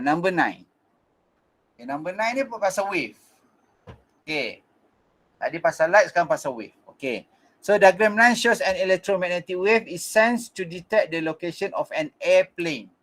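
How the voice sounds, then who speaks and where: A man's voice: high voice, a bit bright. A Malaysian man teaching an online physics revision class, mixing in English, with frequent fillers and restarts.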